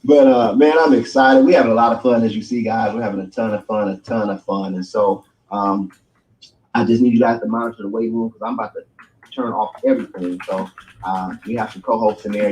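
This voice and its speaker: Low-voiced man giving a hyped business pitch. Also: a little mellow, low-quality recording. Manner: hype, repeats "right?" and "guys". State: losing his voice. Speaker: presenter on a business call. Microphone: video call.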